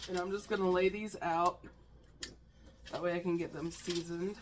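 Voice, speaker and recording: Her voice fairly low and a bit allergy-worn, a woman talks casually at normal speed as she cooks for her kitchen vlog. She is chatty and easygoing, with stumbles and fillers, while pots, pans and dishes clink amid slight background noise.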